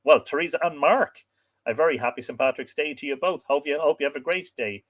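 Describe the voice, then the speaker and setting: A man's voice: a little high, a little fast, a bit bright. A man with an Irish accent and a lilting, storyteller-like delivery, chatting informally as host of a livestream. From Ireland. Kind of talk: informal livestream chat, reading out viewer greetings.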